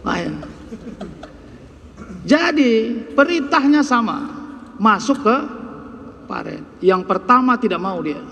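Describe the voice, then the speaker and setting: A man's voice: extremely high pitch, animated, slow, pauses often, bright, forceful tone, slight background noise. A man giving a dawn sermon in a mosque, telling stories, acting out dialogue and teasing the congregation in colloquial asides. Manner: storytelling, acts out students and worshippers in dialogue. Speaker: preacher. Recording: long reverb of a mosque hall.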